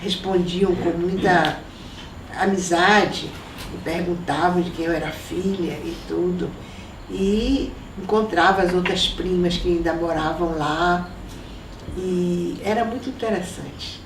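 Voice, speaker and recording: An older woman from Salvador, recalling her family in an oral history interview at an unhurried pace. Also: lowish voice, steady tone, far from the mic. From Salvador, Brazil. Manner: reminiscing, unhurried, with soft laughs. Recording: echoey room, voice from off mic, faint noise.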